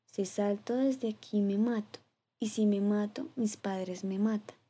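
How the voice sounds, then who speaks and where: A woman voicing a dramatic young girl stuck up a tree, thinking aloud in a hushed storybook voice. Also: medium pitch, steady tone, measured pace, breathy edge. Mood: fretful.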